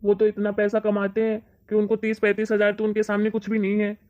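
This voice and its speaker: A woman's voice: mid-range voice, monotone, a little fast, mellow, close to an everyday voice. A woman playing a greedy middle-aged son and husband who coaxes and argues in a plain voice. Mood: coaxing. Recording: dull lo-fi recording.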